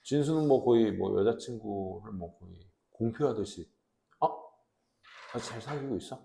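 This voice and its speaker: A man in his forties teaching a high school English class in a casual, joking way, reading English slowly and translating it. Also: animated, vocal fry, dark tone, roomy sound. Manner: chatty, jokes with students, asks them questions; reads English slowly, then translates into Korean.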